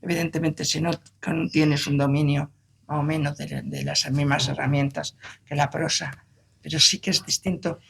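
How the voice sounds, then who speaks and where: Gravelly, husky man, searching for words. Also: a little high, little pitch movement, normal speed, a bit bright. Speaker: presenter of the book event. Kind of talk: conversational book presentation talk.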